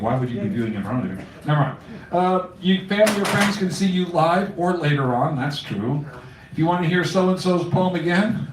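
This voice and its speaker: A man's voice: fairly high pitch, distant mic. A man hosting a poetry open mic in a cafe, rambling through announcements with wry asides. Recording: echoey cafe room recorded from afar.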